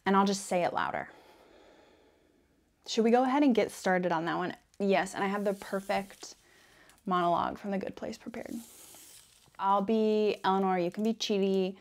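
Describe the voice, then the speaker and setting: A woman playing a quirky female devil in an ASMR role-play, talking in a playful, deadpan ramble with frequent self-interruptions. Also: mid-range voice, normal speed, long pauses, close to an everyday voice. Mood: teasing, smug. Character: quirky female devil welcoming a newcomer to hell.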